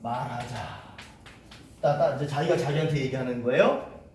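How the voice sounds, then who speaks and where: A man's voice: medium pitch, normal speed, darkish tone. Male pastor preaching in an echoey sanctuary. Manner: storytelling, conversational, rhetorical questions. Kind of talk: sermon. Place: church sanctuary. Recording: echoey hall from far off, faint hiss.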